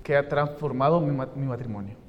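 Fast-talking male interpreter in a reverberant hall. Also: mid-range voice, highs cut off. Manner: fast, close rendering of each phrase. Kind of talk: live sermon interpretation.

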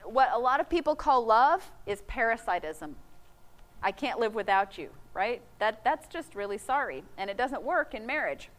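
A middle-aged woman teaching a sermon, earnest, quoting scripture and acting out quick asides. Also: a little high, big pitch swings. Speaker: Bible teacher. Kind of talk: sermon talk.

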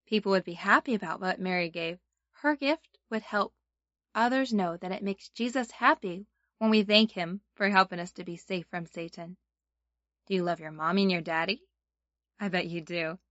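A woman's voice: medium pitch, a bit bright, no room sound, muffled recording. A woman speaking as a Sunday school teacher, telling stories to small children and guiding them in simple phrases. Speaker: children's Bible lesson host.

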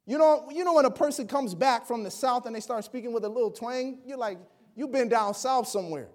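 A man preaching a sermon, swinging between loud exclamations and quiet asides and acting out the people he quotes. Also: very high voice, brisk. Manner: acts out quoted voices.

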